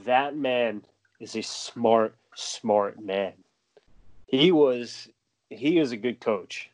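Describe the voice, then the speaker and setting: A man's voice: medium pitch, drawn-out words, a little mellow, no room sound. A man talking casually and earnestly about sports, with "dude" and "man" dropped in. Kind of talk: casual chat.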